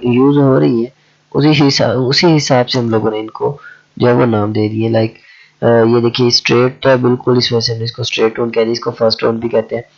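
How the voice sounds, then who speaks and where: Man explaining a lesson slowly. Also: mid-range voice. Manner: slow and repetitive, with many fillers. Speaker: language teacher. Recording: dull lo-fi audio.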